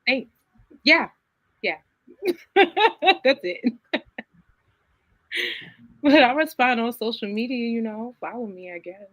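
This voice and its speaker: A woman's voice: fairly high pitch, takes it slowly, long pauses, fairly bright tone, no room sound, poor audio. A young adult woman who is a guest on a podcast, chatting in a playful, blunt way and laughing often. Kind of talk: casual podcast chat.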